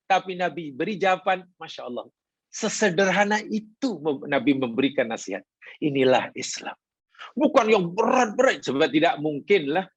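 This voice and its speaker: A man giving a hadith lesson as a religious teacher, in a measured, explanatory way with rising emphasis. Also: fairly high pitch, dry recording, dull audio. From Malaysia.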